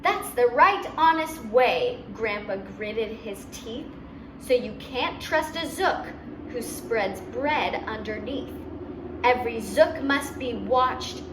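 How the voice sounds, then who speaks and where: A woman reads a children's story aloud with expression, acting as reader and host and adding simple explanations for young listeners. Her voice is fairly high and slow, with lively intonation. The recording is roomy, from a distant mic, with clear background noise.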